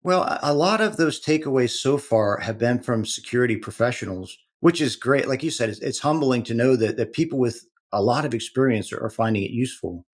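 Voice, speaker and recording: A man speaking as a guest in an interview, explaining in an earnest, halting way with many repeated words. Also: mid-range voice. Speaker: protective intelligence executive, guest. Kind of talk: conversational interview talk.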